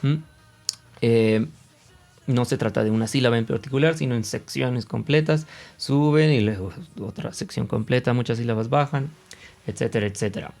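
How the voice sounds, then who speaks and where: Man, Mexican accent, language teacher, chatty explaining, mid-pitched voice, sounds out examples. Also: normal speed, creaky, darkish tone, soft background music. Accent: Mexican Spanish. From central Mexico. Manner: conversational, many fillers, demonstrates sounds aloud. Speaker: Japanese teacher. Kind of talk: casual explanatory video lesson.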